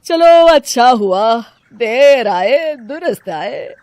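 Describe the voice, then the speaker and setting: Brief: scolding mother-in-law figure, slow and loud, woman actor. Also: on the high side, animated, no echo, heavily acted. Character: scolding middle-aged mother-in-law, sharp-tongued. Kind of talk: cartoon dub acting.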